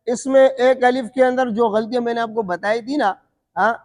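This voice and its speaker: A man's voice: extremely high pitch, steady tone, a little mellow. A man teaching Quran recitation rules, asking his students questions and answering them himself, and stretching out letter sounds to show them. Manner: demonstrates letter sounds slowly. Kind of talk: tajweed lesson. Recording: long hall reverb.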